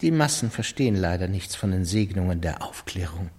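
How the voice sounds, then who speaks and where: An actor playing a scheming court official in a radio drama, cold, disdainful and menacing. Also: male voice, low voice, lively intonation, fairly quick, darkish tone, breathy edge.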